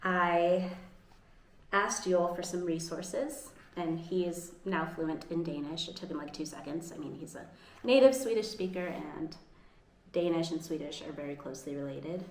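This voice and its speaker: Speaking at a normal pace in a lowish voice, a woman from the United States talks casually to her vlog audience at home. She's cheerful and earnest, now and then beginning a sentence again, and the recording has room echo and faint ambience.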